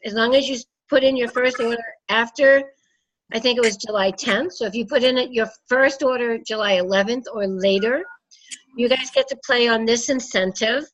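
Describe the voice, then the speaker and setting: A woman's voice: on the high side, normal speed. A middle-aged woman leading a team meeting over a video call, congested from a cold and rambling with many fillers. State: congested, sick. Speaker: team leader. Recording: dull lo-fi call audio with faint noise.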